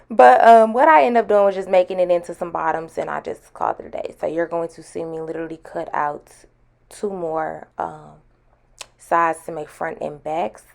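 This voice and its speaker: A woman with a low, creaky voice narrates a sewing vlog as its host, chatting casually and informally and calling her viewers "y'all." A retainer she's wearing makes her speech sound a little slurred.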